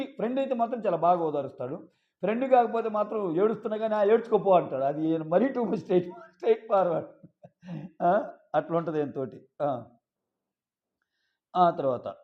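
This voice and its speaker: A man recapping a reality show episode in a casual, animated way, acting out quoted lines. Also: sits high. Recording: dull lo-fi sound.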